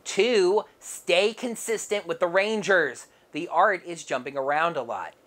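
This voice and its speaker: A woman's voice: on the low side, measured pace, fairly bright tone. A woman narrating a casual comic book review with wry, sarcastic asides.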